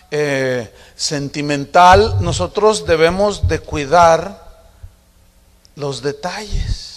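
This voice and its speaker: A man's voice: sits high, in a large hall. A middle-aged man preaching a sermon in a conversational, confiding, humorous way. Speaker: pastor.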